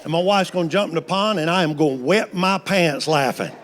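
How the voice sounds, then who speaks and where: A man's voice: a little high, fairly quick, fairly bright tone, a faint crowd, slight background noise. A man, telling folksy stand-up stories with playful punchlines. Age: 50s. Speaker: stand-up comedian. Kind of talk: stand-up comedy storytelling.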